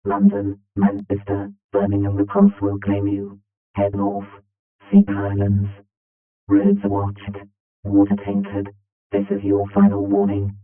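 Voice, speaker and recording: A man's voice: on the low side, very animated, unhurried. Hijacked broadcast voice, cold menacing man, as an actor plays him, clipped commands, tinny phone-like sound, heavy echo, distant, droning music behind. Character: cold male hijacker issuing broadcast warnings. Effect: hijacked broadcast transmission.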